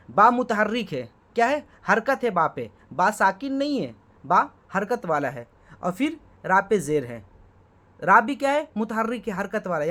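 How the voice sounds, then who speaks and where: An Urdu teacher explains poetry terms in an exam-prep lesson, asking himself rhetorical questions, checking in with "okay" and spelling words out letter by letter. His voice is high-pitched and fairly bright.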